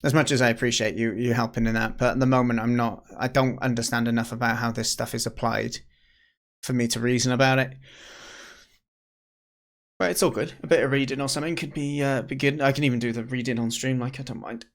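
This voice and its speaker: A man's voice: medium pitch, flat delivery. Tired man thinking aloud on a stream. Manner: thinking aloud, halting restarts, chatting with viewers. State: tired, yawning. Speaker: game developer streamer. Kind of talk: casual livestream chat.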